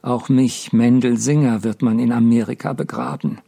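A man voicing a weary, broken old father who speaks in a slow, mournful lament in an audiobook reading. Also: mid-range voice, steady tone, creaky, warm tone, breathy edge, no echo. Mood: grieving.

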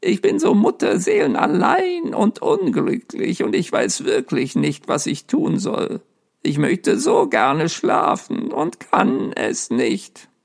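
A man's voice: huge pitch swings, gravelly, heavily acted. A man voicing a sad, sleepless centuries-old male ghost who speaks in a dreamy, plaintive way. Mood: pleading. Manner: dreamy, plaintive, higher and slower.

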